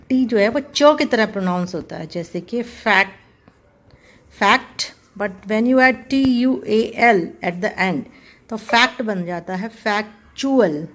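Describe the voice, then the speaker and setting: A woman gives a pronunciation lesson. She speaks at a very slow, unhurried pace in a mid-range voice, stretching out and repeating each example word. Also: mid-range voice, expressive. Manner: slow, deliberate, repeats and spells out words. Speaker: English pronunciation teacher. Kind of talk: classroom video lesson.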